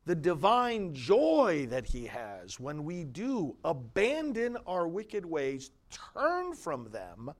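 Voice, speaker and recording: A male priest delivers scripture and homily with solemn, deliberate emphasis. His voice sits a little high for a man and moves widely in pitch. He takes his time over each phrase, very slowly. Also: huge pitch swings. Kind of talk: liturgical scripture reading and homily.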